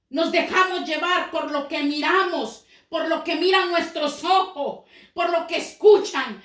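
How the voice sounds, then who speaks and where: A woman preacher telling a parable as a sermon, slowing down for dramatic moments and acting out the quotes. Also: sits high, bright, forceful tone, reverberant. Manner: storytelling with dramatic slowdowns and acted quotes.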